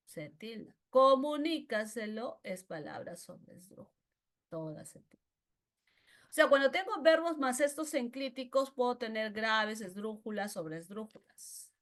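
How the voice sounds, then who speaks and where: Slow, higher-pitched woman teaching grammar. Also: fairly bright tone. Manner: slow and repetitive, checks understanding with frequent questions. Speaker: language teacher. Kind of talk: pre-university grammar lesson.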